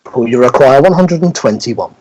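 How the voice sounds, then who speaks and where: A man's voice: medium pitch, animated, normal speed, a little mellow, slight background noise, low-quality recording. A middle-aged man working as referee and score caller in a darts match, announcing legs and required scores. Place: indoors on a video call.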